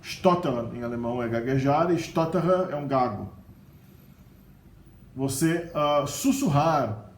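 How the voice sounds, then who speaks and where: This language teacher, a middle-aged Brazilian Portuguese speaker, talks slowly and expressively in a mid-range voice, pausing often. His relaxed vocabulary video is chatty, with frequent "né?" tags said like questions. There's a roomy echo, faint ambience, and a little hiss or hum.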